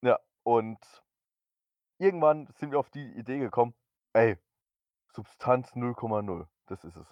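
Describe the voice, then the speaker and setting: A man in his twenties co-hosting a casual podcast, talking relaxed and hesitant with fillers. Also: medium pitch, a little slow, pauses often, dry recording, highs cut off. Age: 20s. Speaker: podcast co-host. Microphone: new podcast microphone.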